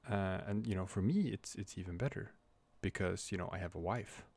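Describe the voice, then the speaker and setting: Quiet but clear, low-voiced man. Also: no echo. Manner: quiet but clear, soft late-night talking to avoid waking a child; halting, hesitant. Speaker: livestream host. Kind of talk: casual livestream chat. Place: room at home.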